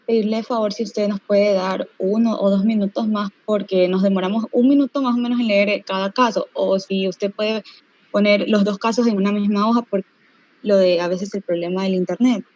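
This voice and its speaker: A woman's voice: mid-range voice, steady tone, normal speed, a little mellow. A woman student speaks up in an online class, polite and a little hesitant as she asks her teacher a favour. Her voice comes through dull and lo-fi over the call.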